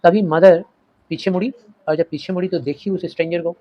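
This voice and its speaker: A man's voice: high-pitched, fairly even intonation, dark tone, lo-fi sound. A middle-aged male teacher retelling a story for a class, stopping to explain word meanings in plain, patient terms. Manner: explains slowly, glossing words and mixing languages.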